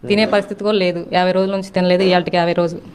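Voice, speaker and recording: Fast-talking aggrieved woman interviewee. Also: on the low side, level tone, a little mellow. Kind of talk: interview complaint.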